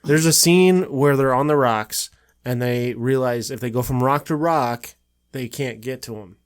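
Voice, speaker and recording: Podcast guy cracking up retelling stuff, casual chat, regular pitch. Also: measured pace, clear, resonant tone. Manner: amused, laughing through his retellings. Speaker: podcast co-host.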